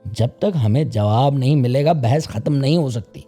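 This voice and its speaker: A man's voice: medium pitch, mellow, soft background music, close to an everyday voice. A man voicing a bossy, quarrelsome female myna bird who argues with her mate. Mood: indignant. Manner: bossy, quick, teasing.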